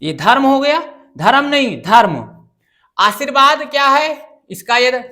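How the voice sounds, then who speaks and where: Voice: high voice, very animated, normal speed, bright, forceful tone. A grammar teacher giving an exam-prep lecture, asking questions and answering them, repeating phrases and spelling words out syllable by syllable.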